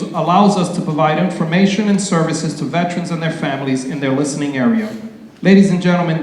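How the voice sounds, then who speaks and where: A man's voice: fairly high pitch, a little mellow. A man emceeing a community ceremony, reading award citations formally and adding loose, casual asides. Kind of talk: public ceremony speech. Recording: very echoey hall with long reverb.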